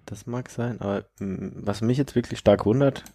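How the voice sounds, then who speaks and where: A man's voice: on the low side, moderate pace, dark tone. A man co-hosting a podcast, talking in casual conversation. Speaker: podcast co-host.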